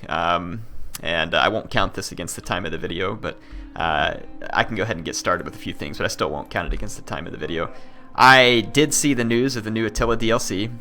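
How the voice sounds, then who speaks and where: A man from Oklahoma hosting a strategy game channel, talking in a relaxed, rambling way. His voice sits fairly low but has a bright, forceful edge. He says y'all and talks straight to his viewers. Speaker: gaming channel host. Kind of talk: casual let's-play commentary.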